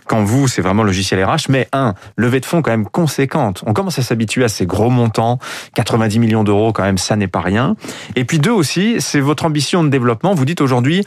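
A man interviewing a company founder in a morning business show, asking brisk questions with emphatic rising stresses. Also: medium pitch, dry recording, studio quality.

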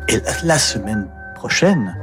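A man's voice: fairly low pitch, very animated, measured pace, music in the background. A male radio host interviewing a guest in an easygoing, joking way, with hesitant fillers.

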